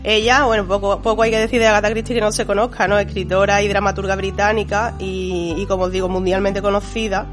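A woman with a Spain accent talks as a radio book columnist. Her mid-pitched voice is congested with a cold, and she explains in a casual, chatty style. Music plays behind her. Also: flat delivery, quick pace, hardly any pauses.

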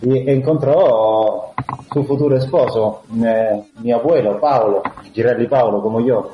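A man with an Italian accent tells his story as a radio guest, pausing often and restarting his sentences. His voice sits at a middle pitch. The recording is muffled and echoey, with a faint hiss underneath. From Italy. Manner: halting, with frequent fillers and restarts. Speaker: guest, actor. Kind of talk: conversational interview. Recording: roomy, dull lo-fi sound.

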